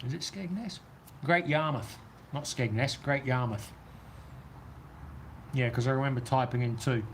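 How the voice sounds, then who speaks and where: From a weather shelter out on a golf course, a New Zealand-accented man rambles through viewer comments in a relaxed livestream chat. His medium-pitched voice keeps a fairly even intonation and an unhurried pace, with slight noise in the background.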